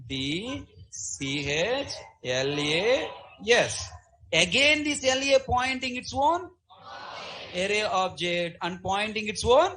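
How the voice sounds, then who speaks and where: A man's voice: high-pitched, poor audio. A middle-aged man teaching a live programming class, constantly quizzing his students. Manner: animated, questioning students constantly.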